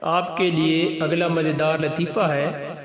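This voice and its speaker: A man's voice: on the high side, level tone, slow pace, echoey room, a crowd in the background. A man reads a string of short jokes in a scripted way. He announces each joke, then voices both sides of its dialogue. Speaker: joke narrator.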